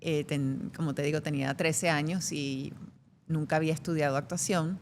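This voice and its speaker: A middle-aged actress from Venezuela, telling stories in a lively way during a casual interview. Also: female voice, deep voice, moderate pace, slight background noise. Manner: lively anecdotal storyteller. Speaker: actress guest.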